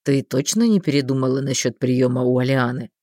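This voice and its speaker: Darvald, a woman voicing a calm male mage. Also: dry recording, clean studio sound. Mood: gentle. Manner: unhurried, measured, low and soft. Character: calm, caring male mage, grown man. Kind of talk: audiobook character voice.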